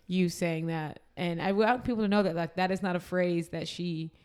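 A woman's voice: lowish voice, fairly even intonation, normal speed, a little mellow, clear, resonant tone. A young woman hosting a casual faith podcast, chatty and upbeat with frequent laughter. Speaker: podcast host.

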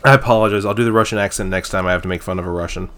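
A man with a low voice recapping film scenes in a casual podcast chat. His humor is dry and wry, and he jokes his way through the plot. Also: steady tone, rapid-fire, a bit bright, a little hiss or hum. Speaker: podcast co-host. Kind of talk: casual movie-review chat.

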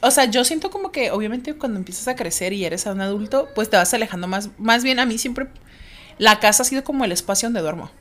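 A young woman in her twenties with a Mexican accent, telling animated, slangy stories in a casual chat. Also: fairly high pitch, fast talker. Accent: Mexican Spanish.

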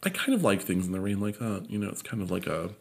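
Animated, profane storytelling man. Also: sits low, quick pace, gravelly. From California. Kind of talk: casual chat.

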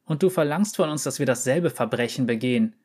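A man's voice: medium pitch, animated, brisk, a little mellow, lightly acted. A man reading an audiobook story, voicing a hostile female veteran soldier who hisses threats. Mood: threatening. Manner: hissing and threatening.

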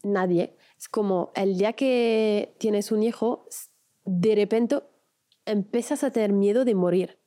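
A woman's voice: medium pitch, a little slow, mellow. A woman in her thirties hosting a podcast, musing aloud in a thoughtful, earnest way. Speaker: podcast host. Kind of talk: casual interview chat.

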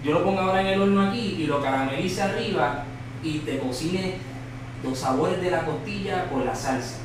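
A man's voice: high voice, moderate pace. A man with a Puerto Rican accent giving a conversational cooking demonstration as a chef, instructive and repeating key points for emphasis. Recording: echoey room, far mic, background noise.

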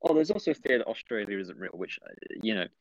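A young man chats on his podcast with lively, animated energy, hopping from topic to topic. His voice sits dry and close on a slightly dull-sounding mic. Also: lowish voice, fast talker, dry recording. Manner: animated, jumps between topics, mocking voices. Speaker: podcast host. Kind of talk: casual podcast chat.

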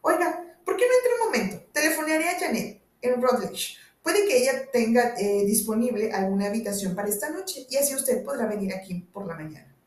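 Lively farm landlady, read by a woman. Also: a little high, fairly quick, few pauses, close to an everyday voice. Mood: friendly. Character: Welsh farm landlady, youngish, friendly and lively. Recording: roomy audio from a distant mic.

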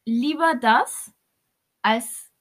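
A woman's voice: on the high side, drawn-out words, a bit bright. A young woman co-hosting a podcast, bantering playfully and teasing in casual chat. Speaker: podcast co-host.

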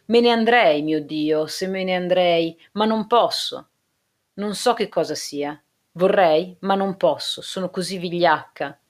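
A woman's voice: lowish voice, unhurried, lightly acted. A woman reading the part of a distraught young woman, pleading through tears in an audiobook. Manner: pleading, trembling. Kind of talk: audiobook dialogue.

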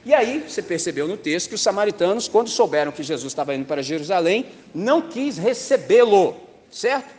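A man with a Brazilian accent preaching a sermon in a lively, slangy way, full of rhetorical questions. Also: sits high, fairly quick, in a large hall. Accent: Brazilian Portuguese.

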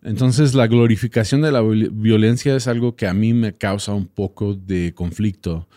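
A male podcast host with a deep-leaning, relaxed voice and an American accent, speaking as a native English speaker in a second language. He talks casually and haltingly, feeling for the right word. The sound is dry, with very little room in it. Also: no room sound. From Texas, United States. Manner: hesitant, searching for words. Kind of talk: casual solo podcast talk.

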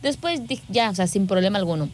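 Lively woman telling stories. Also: medium pitch, fast, a little hiss or hum. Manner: animated storyteller, acts out quoted lines. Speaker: co-host. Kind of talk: casual storytelling chat.

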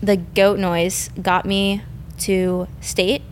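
A woman's voice: mid-range voice, flat delivery, drawn-out words, slight background noise. A young woman guest in a casual podcast chat, giggly and rambling, full of fillers.

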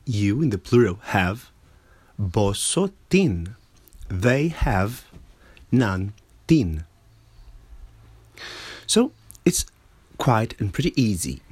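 A man teaching a language lesson, patiently repeating each word slowly and stressing its syllables. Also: fairly low pitch, very animated, darkish tone, slightly rough, dry recording. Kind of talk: slow spoken language lesson.

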